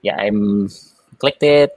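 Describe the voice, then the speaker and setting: A player, polite and measured, describing his character's actions in the third person. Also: low-pitched, darkish tone, no room sound. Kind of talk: casual tabletop play.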